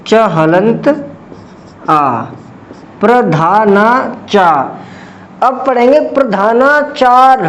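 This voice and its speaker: A man's voice: sits high, highs cut off. A man teaching a grammar lesson for exam preparation, explaining step by step and answering his own questions as he goes.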